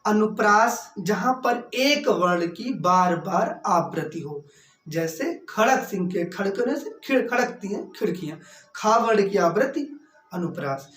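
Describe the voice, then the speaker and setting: A man teaching a class lecture, reading examples out slowly and then repeating the key terms. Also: high-pitched, expressive, a bit bright. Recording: roomy echo, mic far from speaker.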